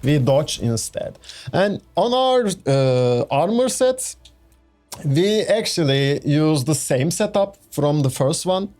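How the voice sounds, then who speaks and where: Faint background music accompanies a young man, a gaming YouTuber with a Turkish accent, as he casually talks through a game build full of fillers and restarts. His voice is fairly high yet darkish in tone, animated but slow.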